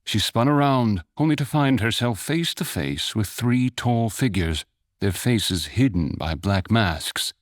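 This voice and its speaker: A man narrating a fantasy short story in a measured, even storytelling manner. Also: on the low side, no echo, clean studio sound. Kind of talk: scripted audiobook narration.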